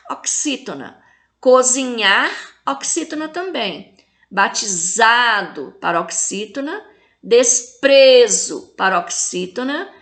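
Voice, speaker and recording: A woman teacher with a Brazilian accent giving a recorded lesson to children, slowly drawing out example words. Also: a little high, gravelly, a bit bright. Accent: Brazilian Portuguese. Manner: slow, drawn-out syllables when reading example words.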